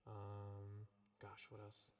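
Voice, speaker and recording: A man's voice: fairly low pitch, drawn-out words, clean tone. A man, a singer-songwriter, chatting casually between songs on a live stream, his voice drenched in an echo effect that sounds like a big cave, rambling with lots of ums. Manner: rambling, relaxed, filled with ums and likes.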